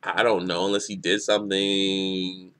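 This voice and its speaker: A man giving a casual spoken review of a comic chapter, excitable and rambling, often restarting his sentences. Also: deep voice, unhurried, smooth. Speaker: manga reviewer.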